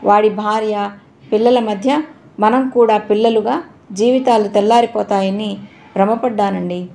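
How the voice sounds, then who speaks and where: A woman's voice: mid-range voice, steady tone, a little slow, creaky, warm tone. A woman voicing a grieving middle-aged mother in an audio novel, tearful and pleading. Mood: grief-stricken.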